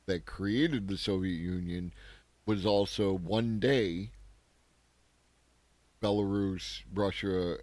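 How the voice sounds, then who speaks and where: A man with a low, deep voice hosts a casual news commentary, musing aloud in a loose, sarcastic way. He keeps checking in with the listener through quick tag questions. The sound is dry and close, with no room echo. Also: a little mellow. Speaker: host of a daily news commentary show.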